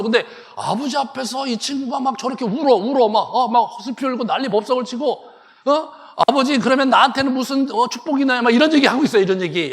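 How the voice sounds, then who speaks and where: A male pastor giving a sermon and telling the story in a lively way, acting out the characters. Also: high-pitched. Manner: animated storytelling, acts out the characters. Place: church sanctuary. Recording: long church hall reverb.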